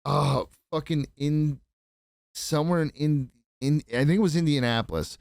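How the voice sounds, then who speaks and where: A man's voice: fairly high pitch, moderate pace, gravelly, darkish tone, dry recording, clean studio sound. A man co-hosting a podcast in casual chat, rambling and swearing a lot. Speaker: podcast co-host.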